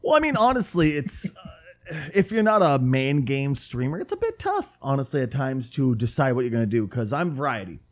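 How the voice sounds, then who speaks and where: Ein Mann mit nördlichem Minnesota-Akzent, der locker, derb und scherzend einen Podcast moderiert. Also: male voice, mid-range voice, sing-song, fairly quick. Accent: Northern Minnesota. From northern Minnesota. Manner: loose, profane and joking. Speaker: podcast host and streamer. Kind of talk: casual podcast chat. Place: home room with window open.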